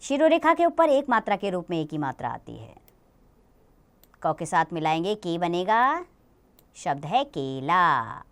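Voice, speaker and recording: A woman teaching a children's grammar lesson, explaining slowly and patiently, often asking the children questions. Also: fairly low pitch, big pitch swings, clean tone.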